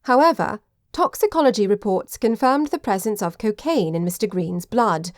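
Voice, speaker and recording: A woman reading audiobook narration in a measured, even way. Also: mid-range voice, dry recording, clean studio sound. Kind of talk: scripted narration.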